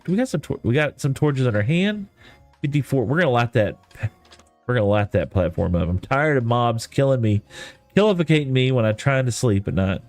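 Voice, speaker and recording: Brisk and expressive, this mid-range male voice belongs to an East Texas streamer with a Texan accent. He chats and rambles in a folksy, self-deprecating style during a game livestream, soft lofi music behind him. The recording is dry.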